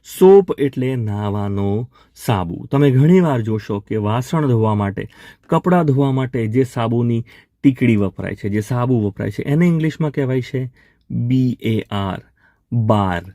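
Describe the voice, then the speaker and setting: A man's voice: medium pitch, lively intonation, unhurried, mellow, no room sound, studio quality. A man teaching English vocabulary to Gujarati speakers, patiently repeating each word and counting down for his learners.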